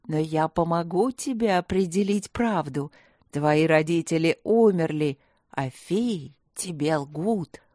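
A woman voicing a sinister disembodied male evil spirit that talks slowly and in a wheedling whisper. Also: fairly low pitch, darkish tone, no room sound, clean studio sound.

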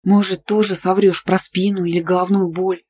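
A woman doing a sharp-tongued student girlfriend. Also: lowish voice, level tone, close to an everyday voice. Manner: hissing whispers and quick jabs. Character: sharp-tongued young female student friend.

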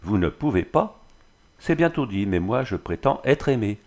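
A man's voice: fairly low pitch, sing-song, moderate pace, a little mellow. A man reading the part of a bitter, drunken glassmaker husband in an audiobook, sneering as he talks.

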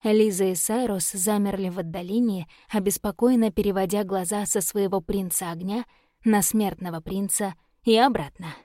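A woman's voice: mid-range voice, no echo. Woman narrating a fantasy audiobook, dry. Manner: even, measured reading. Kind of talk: scripted narration.

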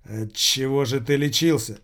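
A man voicing a gruff old male thief boss, speaking hoarsely and with hatred. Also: mid-range voice, moderate pace, a bit bright, natural voice. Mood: hostile.

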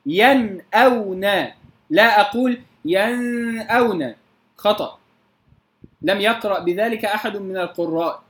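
Male tajweed teacher, high-pitched, explains the rules and demonstrates them with slow recited examples. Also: fairly bright tone. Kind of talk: tajweed lesson.

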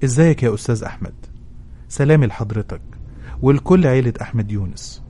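A man's voice: mid-range voice, expressive, quick pace, mellow. A man with an Egyptian Arabic accent, a show host who reads a listener's letter with emotion and then gives advice. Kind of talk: dramatic reading and advice.

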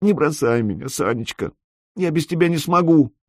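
An audiobook heroine, young and fiery, torn between fear and anger for the man she loves. Her voice rises high, swings widely and stays husky, a man putting her on. It is dry and close to the mic. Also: lively intonation, normal speed, no echo. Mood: pleading. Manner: pleading, then scolding in a raised voice. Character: young woman, anxious, loving, fiery. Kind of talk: audiobook character voice.

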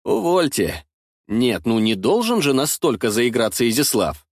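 A male narrator reads a first-person historical audiobook in an expressive storytelling manner. His mid-pitched voice rises and falls a great deal, and the close studio recording is completely dry. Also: moderate pace, no room sound.

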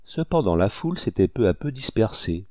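A man narrating an audiobook in a dramatic, measured storytelling manner. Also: on the low side, big pitch swings, dark tone, dry recording, studio quality. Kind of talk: scripted narration.

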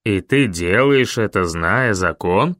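A man doing a stern, measured town leader. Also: fairly low pitch, animated, a bit bright, no room sound, clean studio sound, pitched below the performer's own voice. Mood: grave. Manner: measured, grave.

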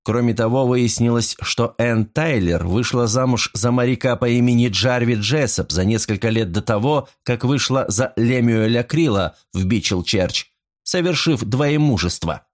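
A man reading a detective novel aloud as a narrator, measured and expressive. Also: mid-range voice. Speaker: audiobook narrator. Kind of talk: scripted narration.

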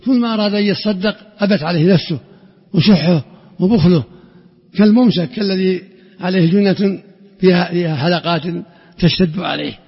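Male scholar, raspy and gravelly with a higher pitch, emphatic, restarts words, old dull recording with a long hall echo. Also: a little fast. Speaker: scholar explaining hadith. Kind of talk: religious lesson commentary.

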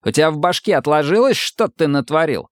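A man's voice: fairly high pitch, lively intonation, a little fast, no room sound, clean studio sound, voice pushed up, lightly acted. A man voicing a swaggering young male army bully who barks coarse, contemptuous slang.

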